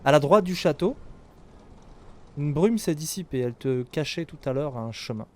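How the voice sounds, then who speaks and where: A man narrating a tabletop role-playing game as game master, improvising dramatically with suspenseful pauses. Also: on the high side, expressive.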